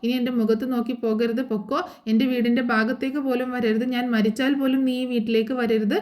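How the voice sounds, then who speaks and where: A woman voicing a furious, heartbroken mother who is cursing her son, reading the lines quickly and close to her own voice. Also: a little high, level tone, darkish tone, lightly acted. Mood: bitter scolding.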